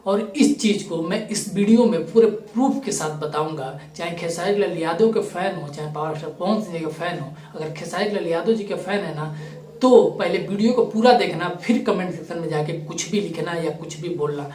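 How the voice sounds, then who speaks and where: A man with a high-sitting, slightly mellow voice gives opinionated commentary to his YouTube viewers at normal speed. His manner is emphatic and accusatory. The distant microphone picks up a roomy echo.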